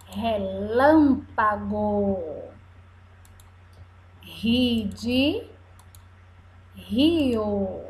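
Slow, syllable-by-syllable woman teacher. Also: fairly high pitch, a bit bright. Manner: slow, drawn-out syllables for young children. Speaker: first-grade teacher. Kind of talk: children's reading lesson.

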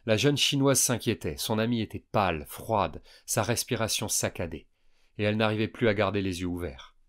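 A man calmly narrating a science fiction audiobook for young listeners. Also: fairly low pitch, moderate pace. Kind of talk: scripted narration.

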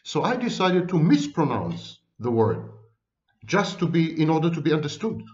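A man with a thick foreign accent, lecturing on psychology in an emphatic way, stacking word after word with long pauses. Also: on the high side, very animated, darkish tone, roomy sound, highs cut off. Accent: foreign accent, non-native English. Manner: emphatic, lists words one by one with long pauses. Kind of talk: lecture to camera.

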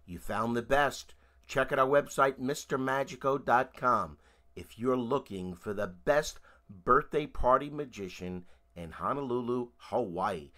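A man presenting himself as a children's magician in a scripted promotional pitch. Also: unhurried, bright, forceful tone.

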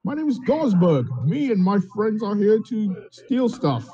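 A man's voice: sits high, sing-song, measured pace, dark tone. A man voicing a brash, naive thieving adventurer in a tabletop game, blunt and eager. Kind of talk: tabletop role-play. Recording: dull video-call audio.

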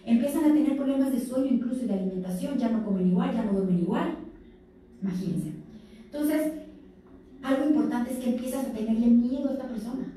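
A woman's voice: fairly high pitch, fairly quick, mellow. A woman with a Mexican accent giving an informal talk to teenagers, acting out the voices of the people she quotes. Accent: Mexican Spanish. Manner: conversational, acts out quoted abusers and victims. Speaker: speaker at a health fair talk for teens. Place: event room. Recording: very echoey room, distant mic, faint noise.

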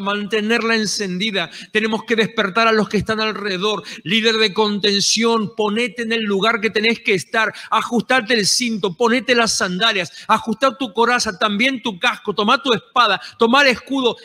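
Pastor, Rioplatense man, fiery sermon delivery; high, bright voice in a reverberant church hall. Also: fairly even intonation, moderate pace, few pauses. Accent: Rioplatense Spanish. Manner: impassioned preaching, rising to shouted exhortations.

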